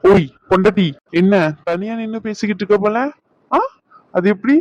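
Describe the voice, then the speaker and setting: A man's voice: sits high, fairly even intonation, normal speed, darkish tone, no echo, natural voice. A man voicing a young cartoon husband who teases and coaxes his wife affectionately, heard on a dull lo-fi recording. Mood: teasing. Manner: playful, teasing, coaxing. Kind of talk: animated cartoon voice acting. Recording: dull lo-fi sound.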